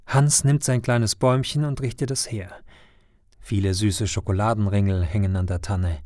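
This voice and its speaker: A man narrating a children's Christmas story in a gentle storytelling manner. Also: fairly low pitch, moderate pace, no echo, studio quality. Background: faint music.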